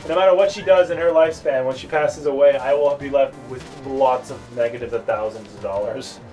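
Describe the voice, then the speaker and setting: A man's voice: mid-range voice, brisk, a little mellow, far from the mic, soft background music. A young man chatting casually while playing a video game, rambling and joking with lots of fillers. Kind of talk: casual gameplay chat.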